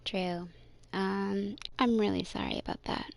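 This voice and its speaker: A woman's voice: mid-range voice, steady tone, measured pace, gravelly. A woman playing through a visual novel, reading its narration aloud and adding casual, wry comments. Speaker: game streamer.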